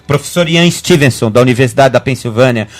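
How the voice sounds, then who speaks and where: A Brazilian man, a guest medium, talking fast in a rambling way with many restarts on a web radio show. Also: medium pitch. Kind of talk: casual radio talk.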